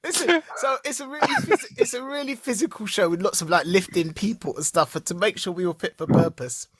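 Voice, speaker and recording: A high-voiced man in his forties co-hosts a podcast, telling animated stories in brisk, casual chat and laughing often. There's slight background noise.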